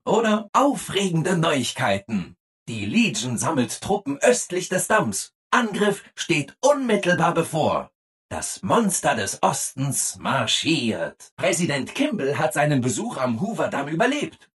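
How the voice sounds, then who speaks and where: A man voicing a relentlessly cheerful, eager-to-please robot assistant in a video game, over-polite and exaggeratedly upbeat, with a husky voice. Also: fairly high pitch, huge pitch swings, a little slow, a bit bright, heavily acted. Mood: cheerfully informative.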